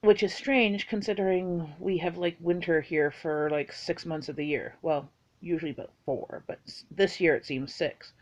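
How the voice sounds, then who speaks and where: A woman's voice: lowish voice, fairly even intonation, normal speed, few pauses, a little mellow. Woman, chatty, rambling, casual vlog talk, muffled lo-fi recording. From Bahamas. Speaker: vlogger. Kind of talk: casual list of personal facts.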